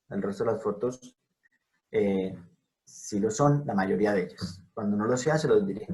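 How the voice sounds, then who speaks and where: A man's voice: lowish voice, darkish tone, low-quality recording. A man giving a lecture over a video call, carefully spelling out and repeating each sound as he explains. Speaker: lecturer on scientific name pronunciation. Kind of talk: explanatory talk over slides.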